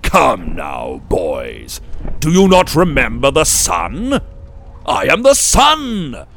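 A man voicing a towering, ancient sun-like elder who smiles and manipulates, speaking in a croaking voice with grand, drawn-out pronouncements. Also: medium pitch, wildly swooping pitch, fairly bright tone, slight background noise, pitched above the performer's own voice, full character voice. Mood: indignant.

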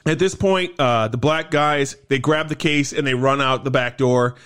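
A man's voice: mid-range voice, moderate pace, smooth. A man casually retelling a film's plot, swearing often and acting out lines from the scenes. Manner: profane, animated, acts out movie lines. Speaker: podcast co-host. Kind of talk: casual film recap chat.

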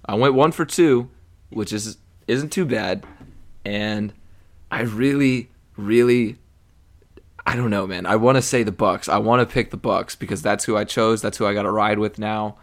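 A man's voice: on the low side, fairly even intonation, moderate pace. A young man in casual, profane sports chat on a podcast, laughing often and mimicking people. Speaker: podcast co-host.

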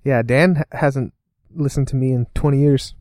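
A man's voice: medium pitch, steady tone, normal speed, a little mellow, no room sound. A man co-hosting a casual snack-review podcast, laid-back and teasing. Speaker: podcast co-host.

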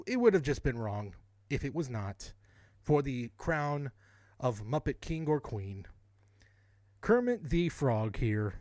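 A man co-hosts a podcast in casual chat, rambling, correcting himself along the way, and laughing often. His voice is mid-range and a little mellow. The recording is dry.

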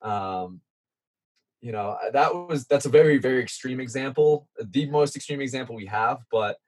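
A man's voice: mid-range voice, normal speed, a little mellow. A man casually telling an adventure story as a guest, chatty and self-deprecating, with plenty of fillers. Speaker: guest content creator.

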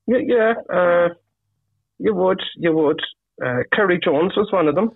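A man with a west of Ireland, Galway accent telling anecdotes casually, in a husky, rambling, halting way with lots of "you know". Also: high-pitched. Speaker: fishing guide (gillie) interviewed as guest. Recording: tinny phone-like radio sound, roomy echo.

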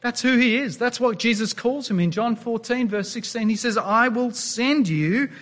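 A man in his thirties preaching a sermon in a church, animated and emphatic, with his voice rising on key points. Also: extremely high pitch, normal speed. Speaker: pastor. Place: church sanctuary. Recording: long reverb of a large church hall.

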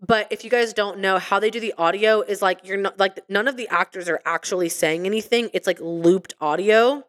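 Woman co-host, casual chat, story-driven, filler-heavy, mid-range pitch. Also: a little fast. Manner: chatty storytelling, heavy use of "like". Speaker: podcast co-host.

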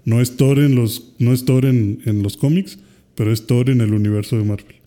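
A man's voice: medium pitch, fairly even intonation, moderate pace, dark tone. A man with a Mexican accent chatting casually and animatedly retelling a movie, acting out the characters' lines. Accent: Mexican Spanish. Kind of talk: casual chat retelling a film.

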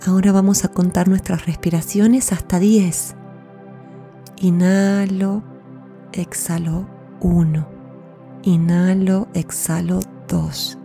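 Dark, mellow-voiced woman guiding meditation. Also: on the low side, fairly even intonation, gravelly. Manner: soothing, gentle, unhurried delivery. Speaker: podcast host and meditation guide. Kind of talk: guided mindfulness meditation. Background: soft new-age music.

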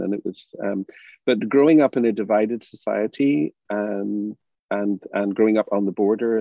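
An older Northern Irish man with a low, gravelly, husky voice that sounds dark and mellow. He talks in a reflective, halting way, with many restarts. The audio is dull and muffled. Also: no echo. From Northern Ireland. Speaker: drama educator guest. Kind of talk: reflective interview talk.

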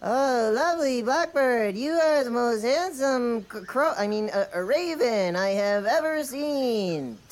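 A woman plays a male bird pretending to be a flirtatious raven lady in an audio story. The put-on feminine voice is drawn out and coy. Its pitch swings widely, with exaggerated sweetness. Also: animated, measured pace, few pauses, darkish tone.

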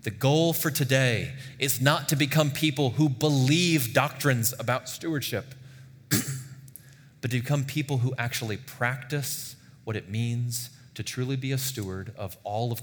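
A man's voice: mid-range voice, in a large hall. A middle-aged man, a pastor, preaching a sermon in earnest tones, asking the congregation rhetorical questions. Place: church sanctuary.

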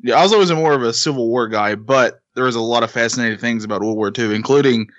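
A man's voice: medium pitch, fast talker, a bit bright, no echo, muffled recording. A man in his thirties in casual chat, making emphatic points and repeating himself for effect. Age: 30s.

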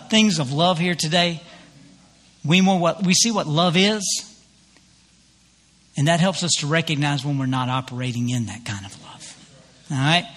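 Brief: male pastor, sermon, slightly high voice, chatty and self-mocking, long church reverb. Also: fairly bright tone. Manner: conversational preaching, many fillers and restarts, self-deprecating humor. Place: church sanctuary.

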